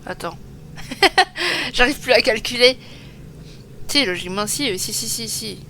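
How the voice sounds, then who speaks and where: A woman's voice: a little high, normal speed, sharp tone, a little hiss or hum. A woman giving chatty, self-mocking let's play commentary, thinking aloud as she plays. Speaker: gaming streamer. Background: game music.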